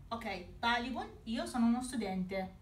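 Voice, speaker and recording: A woman teaching a lesson, saying each word slowly and repeating it, with her own pronunciation. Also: on the high side, expressive, far from the mic. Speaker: Arabic teacher. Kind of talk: slow language lesson. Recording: roomy, off-mic, faint hiss.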